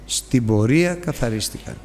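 A male preacher giving a sermon, telling the story dramatically with big swings in pitch and loudness. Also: lively intonation. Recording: long hall reverb.

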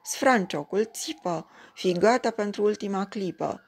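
A woman's voice: mid-range voice, husky. A woman reading a fairy tale aloud, voicing a cruel young lord who gives stern, commanding orders. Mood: urging. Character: cruel young lord bent on killing his wife.

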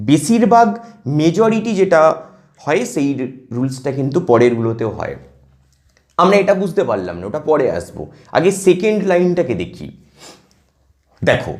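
Male teacher, high voice, lively rising and falling pitch, step-by-step exam lesson, reads verse syllable by syllable. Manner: explains step by step, often checks understanding; reads English verse lines slowly, syllable by syllable.

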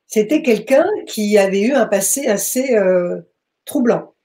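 In a bookshop, an author and medium tells a personal story during an interview, often pausing to find the right word. Her warm, mellow, expressive voice sits in the middle range, and she speaks hesitantly, restarting frequently.

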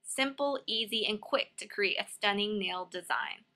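At a moderate pace, a woman hosting a nail art tutorial guides viewers step by step in a relaxed, informal voice-over. Her tone is bright and crisp-edged, and her pitch is typical for a woman.

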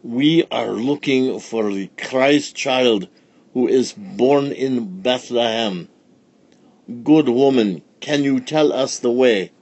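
A man's voice: mid-range voice, slow pace, darkish tone, pitched above the performer's own voice. A man playing a solemn old wise traveler. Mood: stately.

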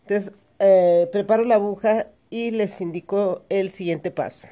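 A woman's voice: medium pitch, fairly even intonation, measured pace, warm tone. A woman giving a patient step-by-step hand embroidery lesson, explaining each stitch as she works. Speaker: embroidery teacher.

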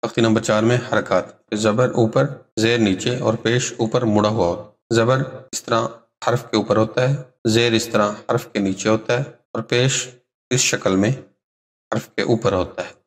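A man teaching Quran letter reading, chanting letter names slowly and drawn out, then explaining briskly in plain talk. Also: on the low side, fairly even intonation. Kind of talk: slow recitation lesson with quick explanations.

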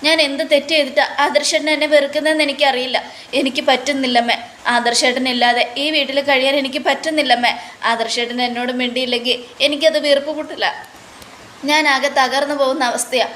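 A woman's voice: high voice, fairly even intonation, fast, a bit bright, slight background noise. A woman voicing a heartbroken young wife who pleads through tears while recapping a TV serial. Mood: pleading. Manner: pleading, sobbing speech.

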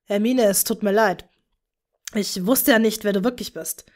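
A courteous young pureblood wizard speaks politely to his relatives, voiced by a woman reading aloud. She drops her voice a little lower for him. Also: normal speed, darkish tone, lightly acted.

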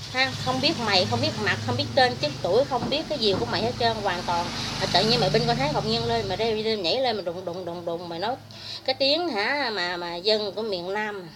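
A woman's voice: medium pitch, fast talker, noisy background. A woman ranting angrily and crudely at someone in a vlog. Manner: heated, crude, insulting. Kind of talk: angry vlog rant.

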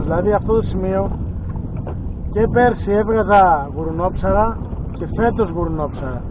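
Young fishing vlogger from Greece, high-pitched, talks straight to his viewers from a small boat, tinny action-camera sound with loud wind and engine behind him. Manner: chatty, addresses viewers directly. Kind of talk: casual commentary while fishing. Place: small boat on open sea, outdoors. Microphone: boat-mounted action camera. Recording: thin lo-fi camera audio with loud sea and engine noise. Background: boat engine and water noise.

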